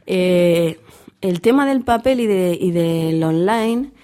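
Hoarse woman with a cold. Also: lowish voice, slow pace, warm tone. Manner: candid, chatty, self-deprecating. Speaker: comics author and editor. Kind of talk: casual interview.

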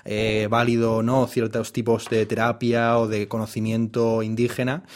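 A man leads an interview in long, winding sentences. His voice sits at an ordinary pitch and he restarts phrases often while he thinks. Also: monotone, moderate pace. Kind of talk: thoughtful conversational interview.

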